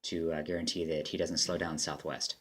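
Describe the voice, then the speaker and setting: A man's voice: very deep voice, level tone, a little fast, fairly bright tone, breathy edge. A man speaking as an air traffic controller, mixing clipped phraseology with casual commentary. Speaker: air traffic controller player and demo narrator.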